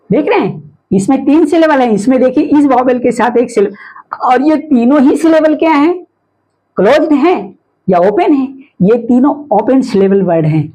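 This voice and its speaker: A woman teacher explaining a phonics lesson, sounding words out slowly letter by letter and often checking with the listener. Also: on the high side, warm tone, husky, poor audio. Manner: patient, repetitive explaining with frequent "है ना" checks.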